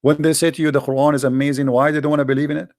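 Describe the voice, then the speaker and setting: Rapid-fire and with little pitch movement, this man speaks in a darkish voice on the high side, with an Arabic accent as a native Arabic speaker. He's a host and religious polemicist giving an informal, impassioned monologue in a blunt, emphatic style, repeating phrases and asking rhetorical questions. No room sound is audible in the clean studio recording.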